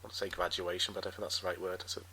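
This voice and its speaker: Bright-voiced male interviewer. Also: low voice, flat delivery, racing, gravelly, slight background noise. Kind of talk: interview questioning.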